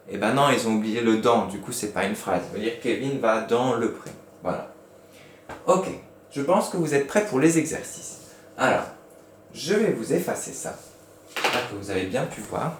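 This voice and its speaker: Patient teacher in an echoey room. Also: male voice, mid-range voice, slight background noise. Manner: patient, slow, spells out each step. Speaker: primary school teacher. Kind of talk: recorded lesson for young pupils. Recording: echoey room, mic at a distance.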